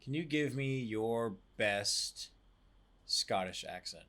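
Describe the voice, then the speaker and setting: A man's voice: mid-range voice, lively intonation, slow pace, pushed and bright. A young man co-hosting a casual podcast chat, a bit buzzed and rambling. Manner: tipsy and rambling. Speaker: podcast co-host.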